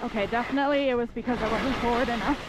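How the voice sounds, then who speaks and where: A young woman vlogs on a ski slope with an action camera, chatting and exclaiming in a slightly high, steady voice that comes out rapid-fire. She gets frustrated about rocks along the way. The outdoor audio is very noisy, with music playing underneath.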